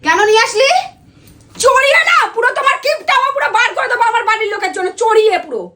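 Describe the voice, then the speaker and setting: A woman with a Bengali accent scolding her husband loudly and insultingly in a comedic quarrel sketch. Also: very high-pitched, animated. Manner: scolding, insulting, loud and fast.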